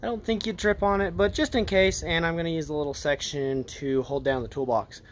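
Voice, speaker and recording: A man's voice: a little high, fairly even intonation, a little fast, background noise. A young man casually explaining his cargo trailer work in a DIY vlog, rambling and correcting himself as he goes, filmed on a handheld camera inside a trailer. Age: young adult. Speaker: DIY vlogger.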